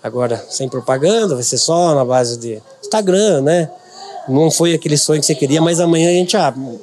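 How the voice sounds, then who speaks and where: A man's voice: fairly high pitch, moderate pace, darkish tone, a little hiss or hum. Middle-aged man telling an earnest story. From Brazil. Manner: earnest, repeats words for emphasis. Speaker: podcast guest, businessman. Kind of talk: emotional personal storytelling.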